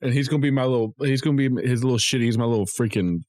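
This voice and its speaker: A man's voice: medium pitch, very fast, darkish tone. A man playing a tabletop game, talking loosely and casually, swearing and joking as he describes what his character does. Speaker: player.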